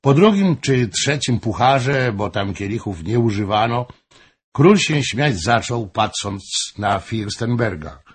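An audiobook narrator with a slow, husky, medium-pitched male voice reads a historical novel from a script. His storytelling is measured and even.

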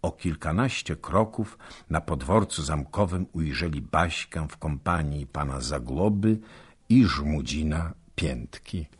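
Deep husky guy reading a historical novel, slow, lots of melody. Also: animated. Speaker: audiobook narrator.

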